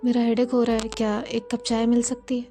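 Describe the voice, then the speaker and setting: A woman's voice: fairly high pitch, monotone, brisk, mellow, faint music behind, close to an everyday voice. A woman voicing a stern young businesswoman who talks in curt, firm sentences.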